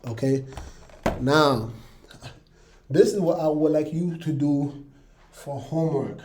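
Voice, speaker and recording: A man teaching a casual online music lesson in a relaxed way, often checking in with his viewers. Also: on the high side, slow. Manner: relaxed, checks in with "all right, you guys".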